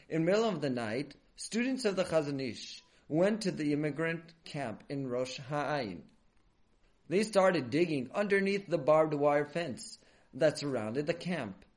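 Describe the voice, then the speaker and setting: A man narrates a dramatic tale for children with lively, expressive delivery. His voice sits a little higher than most men's, and he rises and drops for suspense. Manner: animated, expressive. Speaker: storyteller for children.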